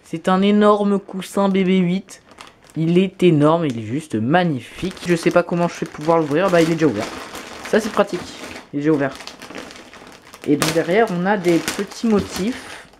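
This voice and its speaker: A man's voice: high-pitched, moderate pace, background noise. A man filming an unboxing vlog at home, talking enthusiastically and gushing over each item. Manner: enthusiastic, gushing with frequent exclamations. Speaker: YouTuber.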